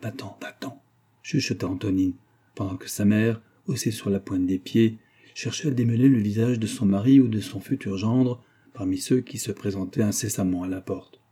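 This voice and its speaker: A man reading a classic novel aloud in a measured, even storytelling manner. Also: lowish voice, breathy edge. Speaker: audiobook narrator. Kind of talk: scripted narration of a classic novel.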